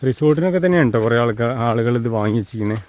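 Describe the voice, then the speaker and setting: A man with a Kerala Malayalam accent talks casually to viewers as he leads a walking tour. His voice sits at an average male pitch, and he drops English slang words into his Malayalam. The recording is outdoors in the countryside, with noticeable noise behind him. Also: expressive, rapid-fire, darkish tone. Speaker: vlogger giving a walking tour. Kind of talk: casual chatty walk-and-talk narration. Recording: outdoor rural recording with clear background noise.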